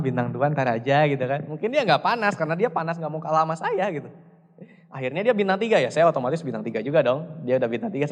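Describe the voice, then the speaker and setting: A young man giving a motivational seminar talk on stage, chatty and joking, speaking straight to the audience. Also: fairly high pitch. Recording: reverberant hall.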